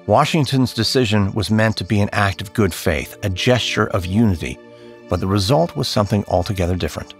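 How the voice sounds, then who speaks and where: A man narrating a history podcast from a script, in a measured and solemn storytelling manner. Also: on the low side. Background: faint background music.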